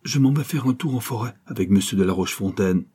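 A soft-spoken young mother, gentle and a little sad, tender with her child in a storybook reading, as a man voices her. The tone stays low and mellow with a husky edge. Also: quick pace. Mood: calm.

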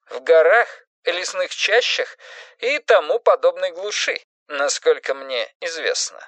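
A man voicing a brisk, opinionated elderly woman for a storybook reading, speaking in a matter-of-fact, weighty way. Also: a little high, fairly bright tone, no echo, voice pushed up.

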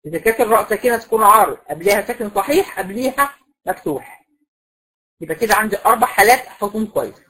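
In poor audio, a female recitation teacher with an Egyptian Arabic accent races through her lecture in a medium-pitched, husky, slightly bright voice with lively intonation. She takes her time explaining, asks her students questions, and restates the key rules.

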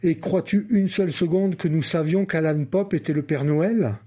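Man reading as Flagadel, calm sensible storybook character. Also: a little high, normal speed, slightly rough. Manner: calm, explaining.

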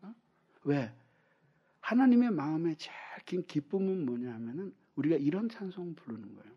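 Animated man preaching a sermon. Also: a little high, moderate pace, slightly rough. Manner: animated storytelling, acting out quoted dialogue and dropping to whispers. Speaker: pastor. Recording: muffled lo-fi sermon recording.

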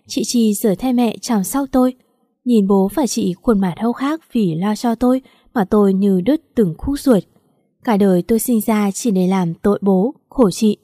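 A woman reading a first-person story aloud in steady, earnest narration. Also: mid-range voice, dry recording, clean studio sound. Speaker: story reader.

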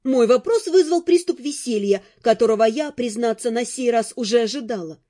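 A woman narrating a fantasy audiobook in first person, with an expressive reading. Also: a little high, normal speed.

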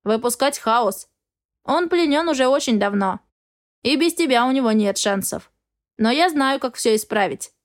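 A woman's voice: on the high side, lively intonation, moderate pace, natural voice. A woman voicing a secretive, blunt young man who is a cat-like shapeshifter in an audiobook. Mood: defensive. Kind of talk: audiobook character reading.

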